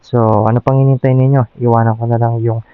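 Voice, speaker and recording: Through a dull-sounding Bluetooth intercom mic in his motorcycle helmet, with loud noise around him, a Filipino-accented motovlogger casually demos a product. His mid-range voice is flat, clear, and resonant, a little fast, and recorded dry.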